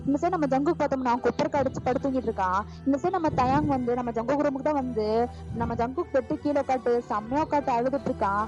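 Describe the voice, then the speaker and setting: A woman narrates a fan fiction story in a chatty, familiar tone. Her voice is very high, with music clearly playing behind a dull, lo-fi recording. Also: very fast. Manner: chatty, addresses listeners familiarly.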